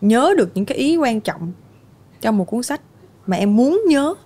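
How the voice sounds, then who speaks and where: A young woman speaks as a podcast guest. Her voice sits a little high, and she talks candidly and chattily, laughing easily. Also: sing-song, moderate pace, warm tone. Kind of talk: casual interview chat.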